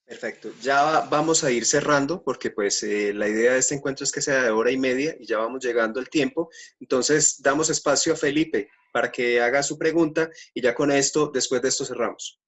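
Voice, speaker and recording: A man, the professor hosting the class, briskly moderating and handing over to a student. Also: medium pitch, a bit bright.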